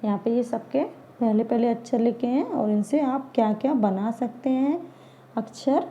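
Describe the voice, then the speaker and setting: A woman teacher slowly taking young children through letters and sounds, sounding each one out patiently. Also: fairly high pitch, dark tone, a little hiss or hum. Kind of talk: children's Hindi lesson. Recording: dull lo-fi recording.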